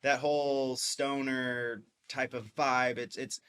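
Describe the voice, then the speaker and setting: Speaking slowly in a mid-range voice, the man delivers his words flatly, with a slightly bright, clean tone. He's a dispensary owner in his twenties from Mississippi, a guest on a podcast, rambling in an upbeat, filler-heavy way during a casual interview.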